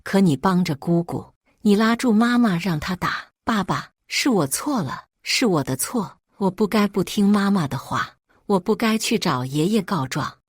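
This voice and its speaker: A young boy in a storybook reading begs through choked tears, as a woman reads him out. His pleas climb and fall with lively pitch, in a dry, close sound. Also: normal speed, few pauses, no echo, lightly acted. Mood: tearful. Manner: pleading, choked. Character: tearful young boy defending his mother.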